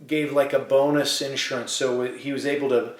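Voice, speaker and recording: A man giving a casual self-help talk and telling a story, halting, with many fillers and restarts. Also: medium pitch, steady tone. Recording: echoey room, voice from a distance.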